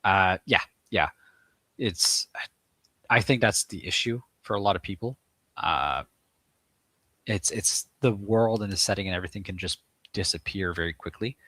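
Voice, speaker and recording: Bright, rambling Quebec-accented man. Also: sits low, moderate pace, long pauses, dry recording. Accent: Quebec English. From Eastern Canada. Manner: rambling with many fillers and restarts. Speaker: guest author. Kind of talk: casual interview chat.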